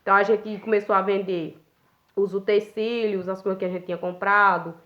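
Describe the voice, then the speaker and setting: A young woman, telling her own life story in a plain-spoken, unhurried way and often checking in with tag questions. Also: medium pitch, steady tone. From Pernambuco, Brazil. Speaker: vlogger. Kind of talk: casual personal storytelling. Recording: dull lo-fi recording.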